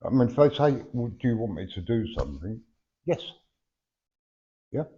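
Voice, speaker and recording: Warm and very animated, a man's mid-range voice moves at normal speed as he works as a medium before a sitter at a live event. He's blunt and talkative, his reading peppered with "yeah?", and his speech is slightly slurred because he has no teeth. The dull live recording has a lo-fi sound.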